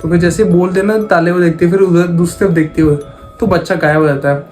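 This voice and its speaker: A man's voice: sits high, steady tone, fast talker, darkish tone, faint music behind. A man telling a spooky story in a casual, conversational way, repeating phrases as he goes. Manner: retells dialogue in plain conversational voice, repeats phrases. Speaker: horror storyteller.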